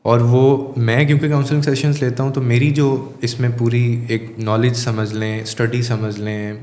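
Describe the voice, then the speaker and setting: A man's voice: mid-range voice, flat delivery, a little mellow. A man speaking as a life coach in a podcast interview, explaining emphatically and dropping English phrases into his talk. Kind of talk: conversational advice in a podcast interview. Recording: echoey room with long reverb.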